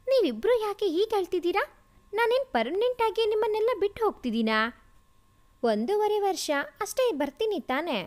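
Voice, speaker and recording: A man's voice: extremely high pitch, moderate pace. A woman reading aloud and voicing a playful, teasing young man in a storybook tale. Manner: teasing, lively.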